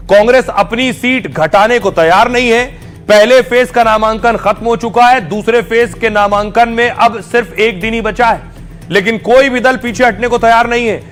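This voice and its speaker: A man narrating a television news report as anchor, with a brisk, punchy broadcast delivery. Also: very high-pitched, fairly bright tone.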